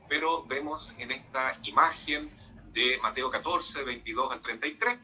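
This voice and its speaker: A man, a priest, giving a conversational sermon-style talk to young people, often tagging sentences with little questions and filling pauses. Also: mid-range voice, bright, forceful tone, a little hiss or hum, low-quality recording. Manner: conversational preaching with frequent tag questions and fillers. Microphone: video call microphone.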